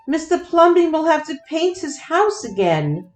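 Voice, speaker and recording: A woman's voice: high-pitched, big pitch swings, measured pace, soft background music, pitched above the performer's own voice. A woman voicing indignant, disapproving neighbors in a storybook, exclaiming in scandalized tones. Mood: dismayed.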